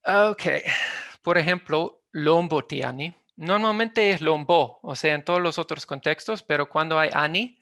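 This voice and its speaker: A man giving an academic presentation over a video call, speaking in a halting way and often stopping to search for words. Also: on the high side, sharp tone, no room sound, clean studio sound. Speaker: linguistics presenter.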